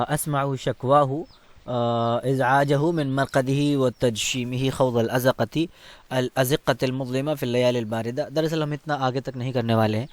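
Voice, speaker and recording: A man teaching an Arabic text. He reads each line, then translates and explains it, with many hesitant fillers. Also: medium pitch.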